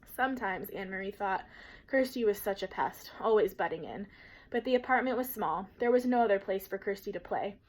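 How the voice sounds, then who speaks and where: A woman teacher reading a children's novel aloud in a steady, gentle storytelling manner. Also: mid-range voice, a little fast, low-quality recording.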